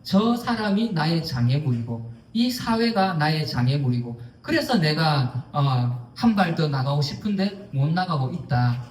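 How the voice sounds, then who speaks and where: A man's voice: on the high side, sing-song, a little slow, few pauses, a little mellow, recorded from a distance. A man preaching a sermon as pastor, emphatic, acting out quoted speech, with frequent fillers. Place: church sanctuary. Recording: echoey hall, voice heard from afar.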